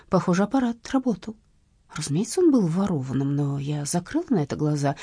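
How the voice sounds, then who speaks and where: Husky-voiced woman narrating an audiobook. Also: lowish voice, dry recording. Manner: lively, expressive reading. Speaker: audiobook reader. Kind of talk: first-person audiobook narration.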